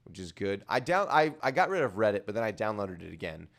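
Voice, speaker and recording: Lively, rambling male co-host. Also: fairly low pitch, fast talker, vocal fry. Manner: animated, rambling with many restarts. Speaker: podcast co-host. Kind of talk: casual chat.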